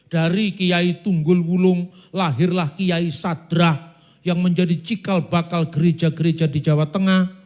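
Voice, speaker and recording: Male preacher with a high voice, storytelling sermon style, speaks straight to the congregation. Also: darkish tone. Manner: storytelling, addresses the audience as brothers and sisters; breaks into sung demonstrations. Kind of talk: church teaching talk.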